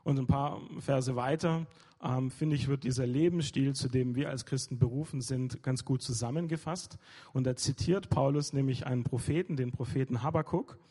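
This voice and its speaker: Hesitant, husky-voiced man preaching. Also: medium pitch, normal speed, mellow. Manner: hesitant, many fillers and restarts. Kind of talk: informal sermon.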